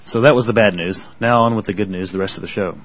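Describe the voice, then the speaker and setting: A man co-hosting a podcast in a relaxed, casual chat. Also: on the low side, fast. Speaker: podcast co-host. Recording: dull lo-fi podcast audio.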